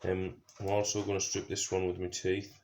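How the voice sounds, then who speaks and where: On a noisy amateur recording full of clicks, a man speaks in a low, monotone voice at a moderate pace. Presenting a DIY car project video, he walks casually through each hands-on step, thinking aloud while he works.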